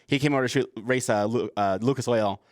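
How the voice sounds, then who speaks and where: Young dude on a podcast, talks fast, laid back, dry close mic. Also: male voice, mid-range voice, dry recording. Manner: laid-back, lots of slang and fillers. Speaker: co-host. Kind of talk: casual podcast chat.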